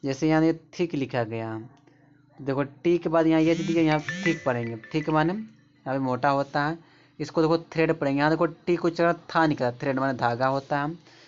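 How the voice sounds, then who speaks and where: A man's voice: on the high side, brisk, slight background noise. A man explaining English pronunciation rules, pointing at examples and repeating them. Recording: dull lo-fi recording.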